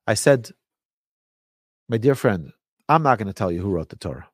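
Man, rabbi teacher, swooping expressive pitch, emphatic, repeats key points, dry close sound. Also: dry recording. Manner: emphatic, rhetorical questions, deliberate repetition. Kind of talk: lively religious lecture with storytelling.

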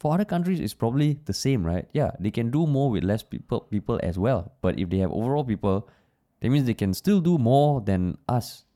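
A Singaporean man with a very lively, swooping intonation and a soft-edged, mellow tone. He talks in casual Singlish, giving his opinions as a podcast co-host and swearing freely. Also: mid-range voice, brisk. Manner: colloquial Singlish with sentence-final particles and casual swearing.

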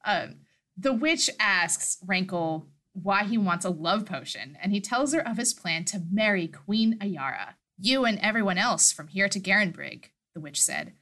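A woman's voice: mid-range voice, expressive, measured pace, pushed and bright. A woman co-hosting a podcast, reading and recapping a story with amused, chatty asides. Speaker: podcast co-host. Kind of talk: casual chat and story recap.

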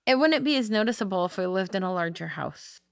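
A woman's voice: medium pitch, animated, quick pace, creaky, clean tone, dry recording, studio quality. A woman co-hosting a podcast, chatting casually and laughing often. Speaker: podcast co-host. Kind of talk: casual chat.

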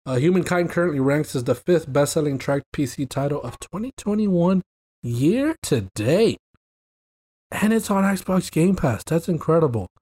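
A man's voice: fairly high pitch, normal speed, slightly rough. Joking male podcast co-host. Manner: joking, animated, reads news bullet points. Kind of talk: casual gaming podcast chat.

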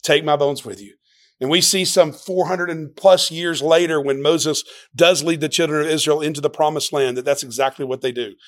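A man with a somewhat high voice preaching a sermon as pastor. He talks earnestly and with passion, often restarting and repeating words. His delivery swings between loud stressed phrases and quieter asides. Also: steady tone, a little fast.

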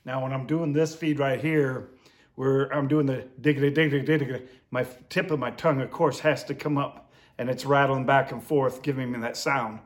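A man's voice: mid-range voice, fairly even intonation, moderate pace. A man instructing in duck calling, explaining his technique step by step in an informal, hands-on way.

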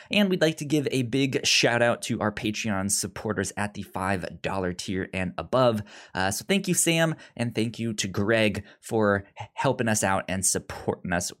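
A podcast host chats casually and conversationally, frequently stammering and repeating syllables. His voice is lowish with a fairly bright tone.

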